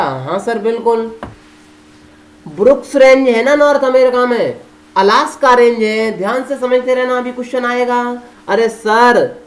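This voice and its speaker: A man's voice: high voice, echoey room. A man teaching current affairs for competitive exams over a map. He asks and answers his own imagined students' questions and calls his listeners dear friends. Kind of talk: exam-prep lecture over a zoomed map.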